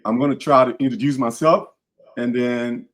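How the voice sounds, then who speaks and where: Speaking at a normal pace with fairly even intonation, a medium-pitched Liberian man hosts his podcast in a Liberian accent. He comes across as earnest and relaxed, often repeating himself and starting phrases over.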